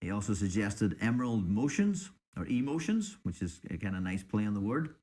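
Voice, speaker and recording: A man's voice: fairly low pitch, sing-song, brisk, mellow. A man co-hosting a podcast, chatting off the cuff in a hesitant, appreciative way as he reads out listener suggestions. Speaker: podcast co-host. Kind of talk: casual unscripted chat, reading out listener suggestions.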